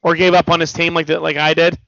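A middle-aged man co-hosting a podcast in casual chat, a rambling, animated storyteller who restarts sentences. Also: fairly high pitch, fast talker, vocal fry, no room sound, lo-fi sound. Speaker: podcast co-host.

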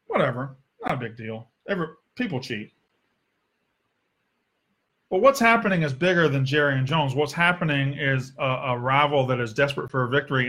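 A man's voice: on the high side, bright, forceful tone. A man hosting a sports podcast, ranting in a heated, sarcastic way and swearing freely. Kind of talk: opinionated sports rant.

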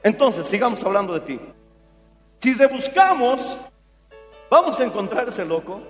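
High-voiced male pastor preaching in a hall. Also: quick pace. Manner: animated storytelling, acts out quotes. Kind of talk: sermon. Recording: reverberant hall with faint music.

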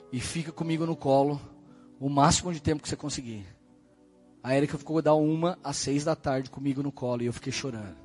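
A man from Brazil, a pastor, telling his testimony in a sermon, swinging from shouts to hushed quiet speech. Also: on the high side. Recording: faint music behind.

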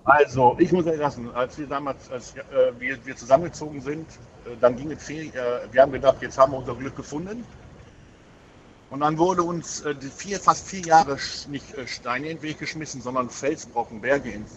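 A man's voice: mid-range voice, a little fast, highs cut off, crowd noise. A man in his forties telling personal stories in a rambling, emotional way, with many hesitations and restarts. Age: 40s. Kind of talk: casual chat.

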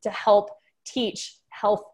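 Slow and a little mellow, this woman's mid-range voice has a flat delivery and a Texan accent. She's a med spa owner from Texas in a casual interview, staying upbeat, laughing frequently, and often starting her answers over.

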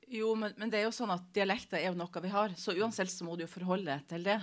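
A woman's voice: mid-range voice, fairly even intonation. A woman speaking as a local politician in a panel debate, earnest and a little hesitant. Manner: earnest, hesitant, many fillers.

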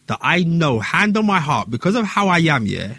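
A man's voice: fairly high pitch, sing-song, moderate pace, sharp tone, breathy edge, dry recording. A man with an urban London street accent telling a story in casual, slang-heavy talk, repeating phrases for emphasis.

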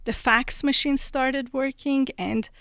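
Creaky-voiced young woman from Iran. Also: sits high, steady tone, slow, fairly bright tone, no room sound, studio quality. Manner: earnest, storytelling, many fillers. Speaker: guest, children's book author. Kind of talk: conversational interview.

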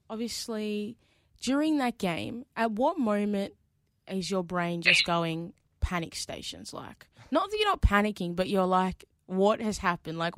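A woman's voice: medium pitch, no echo, studio quality. A woman co-hosting a podcast, chatting casually about sport. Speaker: podcast co-host.

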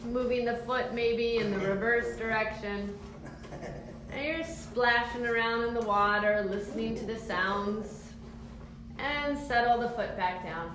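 A woman with a slightly high voice guides a calm grounding exercise as an instructor. She speaks slowly, with soothing and encouraging cues that move step by step through the body. The room is very echoey around her. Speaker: movement and mindfulness instructor. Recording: very echoey room, faint background noise.

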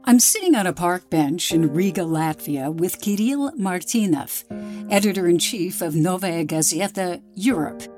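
A woman's voice: fairly low pitch, animated, moderate pace, darkish tone, soft background music. A woman reporter reading scripted narration for a radio documentary.

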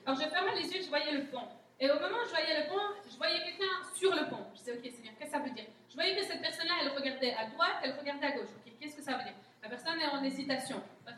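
A woman with a high voice teaches a congregation in a relaxed, candid sermon, often replaying her own past thoughts aloud. She is picked up from a distance, so her voice sounds roomy and echoey, with faint noise underneath. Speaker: guest speaker at a church. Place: church hall, recorded from a distance.

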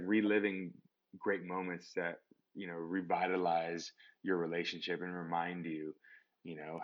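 A man with a very deep, low voice talks through his thoughts in a relaxed interview, stopping and restarting often and filling gaps with fillers. The sound is a bit dull and lo-fi. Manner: rambling, many restarts and fillers. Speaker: podcast guest. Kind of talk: casual interview chat.

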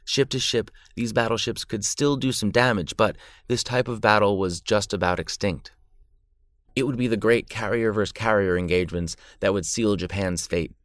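A man's voice: lowish voice, steady tone, moderate pace, a bit bright, no echo, clean studio sound. A man narrating war history from a script, dramatic with an irreverent edge. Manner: dramatic yet irreverent storytelling.

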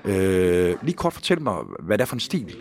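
A Danish man co-hosting an interview, chatting in a relaxed way. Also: sits low. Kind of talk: casual interview chat.

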